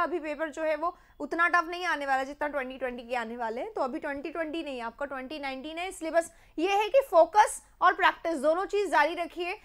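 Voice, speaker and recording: Teaching English grammar for competitive exams in a live online class, a young woman with an Indian English accent speaks in a high, bright, forceful voice. She switches between Hindi and English, reads example sentences slowly and puts questions to viewers.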